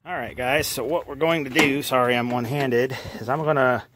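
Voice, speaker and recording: A man's voice: medium pitch, fairly even intonation, fairly quick, very noisy. A man, casually walking viewers through his car restoration in a garage, rambling and folksy.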